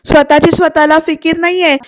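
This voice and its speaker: A woman voicing a sharp-tongued young wife who scolds and taunts her husband. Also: sits high, little pitch movement, brisk, dry recording, clean studio sound, pitched above the performer's own voice, close to an everyday voice. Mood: scolding.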